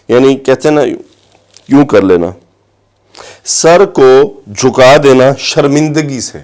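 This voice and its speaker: Guy giving a quran grammar lesson, recites slow then explains, goes up high to stress stuff, medium pitch. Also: a little mellow. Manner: recites Arabic slowly, then explains in Urdu. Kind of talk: lecture on Arabic grammar and tafsir.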